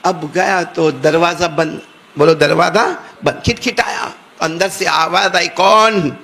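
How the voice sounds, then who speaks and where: Male preacher telling a sermon story, high, bright and gravelly, impassioned. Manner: impassioned, rising to shouts. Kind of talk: emotional Islamic sermon storytelling.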